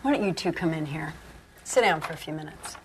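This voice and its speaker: Calm, firm senior woman physician, concerned and steady, played by an actress. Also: low voice, brisk, slight background noise, lightly acted. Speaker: supervising physician.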